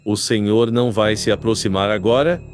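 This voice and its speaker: A man voicing a calm, plain-spoken fisherman aboard a schooner. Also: on the low side, normal speed, faint music behind, natural voice. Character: steady male fisherman on a schooner.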